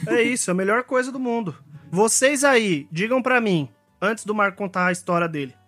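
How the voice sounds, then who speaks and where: A woman hosts a relaxed chat among friends, teasing and prompting the others in slangy speech. Her voice sits at a middling pitch. Faint music plays behind her. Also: normal speed. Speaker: podcast host. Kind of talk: casual group chat.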